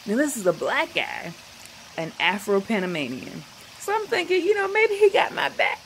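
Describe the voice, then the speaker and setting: A woman telling a personal travel story in a casual, animated way, acting out the people she meets. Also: a little high, normal speed, slight background noise, rough recording.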